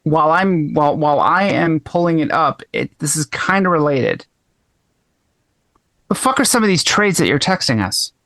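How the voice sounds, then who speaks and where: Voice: mid-range voice, expressive, moderate pace, fairly bright tone, no echo. A podcast co-host in casual chat, blunt and sarcastic, who swears freely.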